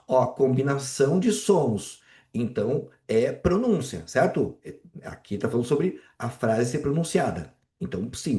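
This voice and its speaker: A man's voice: medium pitch, mellow, reverberant. A man teaching Portuguese on a live video call. He works through exam questions casually and keeps checking in with his students. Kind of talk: live online exam walkthrough.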